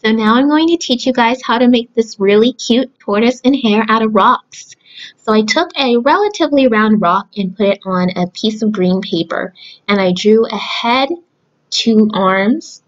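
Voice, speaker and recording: A young adult woman speaking to children in simple, deliberate phrases, as a storyteller and craft host. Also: mid-range voice, dull audio. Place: small room at home, indoors.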